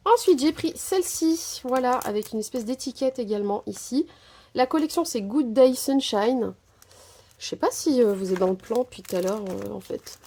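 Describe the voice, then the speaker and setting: A woman with a warm, mellow voice chats through a craft haul in a relaxed, rambling way. She hesitates often and leans on small fillers. She is talking into a phone camera. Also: fairly high pitch, normal speed, husky. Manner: chatty, filler-heavy, keeps saying "voilà". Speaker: crafting vlogger. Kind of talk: casual haul chat.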